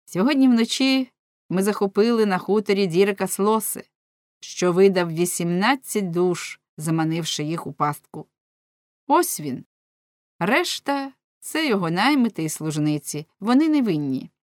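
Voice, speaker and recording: A woman voicing a bold, merry male rebel sea captain in an audiobook, speaking in a rousing, declamatory way, higher and louder than her narration. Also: animated, normal speed, no room sound, studio quality, lightly acted. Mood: boastful.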